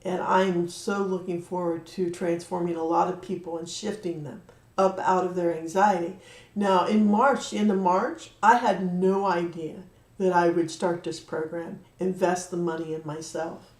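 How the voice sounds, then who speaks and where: A woman's voice: fairly low pitch, steady tone, moderate pace, darkish tone. Heartfelt lady doing a card reading livestream, roomy echo around her voice. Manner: earnest, emotional, talks directly to a viewer. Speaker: card reader and medium. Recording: echoey room.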